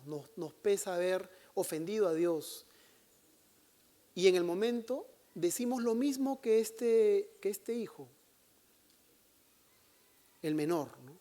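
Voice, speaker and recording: A man's voice: sits high, darkish tone. A male priest preaching a sermon in a conversational way, putting questions to his congregation and teasing them.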